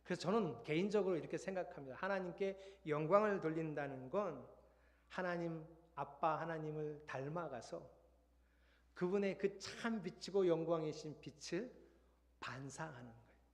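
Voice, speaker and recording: A man's voice: a little high, normal speed. Male pastor preaching in a reverberant church. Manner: conversational preaching, rising to emphatic peaks. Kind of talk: sermon. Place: church sanctuary. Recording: long hall reverb.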